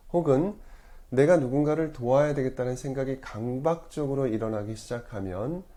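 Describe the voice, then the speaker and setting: Mellow-voiced male priest teaching calmly. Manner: measured, often rephrasing and correcting himself mid-phrase; stresses key words with sudden rises in pitch and loudness. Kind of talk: explanatory teaching talk.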